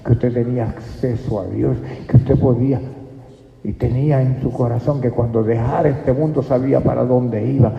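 A man preaching a fervent, pleading sermon in a gravelly voice. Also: medium pitch, fairly even intonation, moderate pace. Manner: fervent, pleading, rises to near shouts. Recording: dull, echoey hall.

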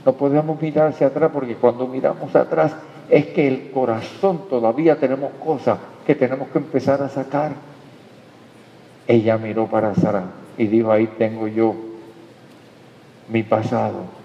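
A man preaching a sermon with emphatic swings between loud and quiet. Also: mid-range voice, steady tone, normal speed, vocal fry. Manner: emphatic preaching, rises and drops in loudness. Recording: dull sound in a reverberant hall.

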